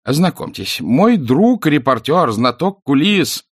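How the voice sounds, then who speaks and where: A man's voice: fairly high pitch, very animated, slow, husky, no echo, studio quality, voice pushed up, exaggerated voice. A man voicing a theatrical playwright who greets people effusively, raising his voice, in an audiobook.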